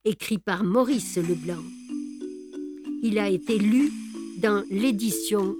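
A woman narrating a classic novel as an audiobook, with a dramatic, measured delivery. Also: mid-range voice, over music. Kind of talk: expressive reading of a classic novel.

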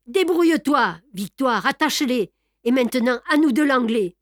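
A woman voicing a fierce, grief-struck gentleman thief in an audiobook, with loud, impassioned cries. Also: a little high, animated, extremely slow, dry recording, clean studio sound. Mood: commanding. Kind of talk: audiobook character voice.

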